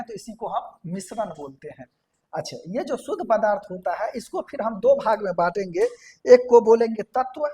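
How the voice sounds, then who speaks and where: A woman's voice: medium pitch, darkish tone. A woman teaching a science lesson, explaining step by step, putting questions to the class and answering them herself, and repeating key terms. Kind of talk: classroom lecture.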